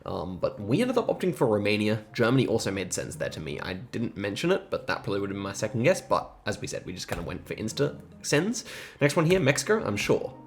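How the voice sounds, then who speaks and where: Fairly low in pitch, this man's voice is sing-song and quick as he hosts a geography quiz gaming video. His commentary is casual and thought-out-loud, hesitant and rambling.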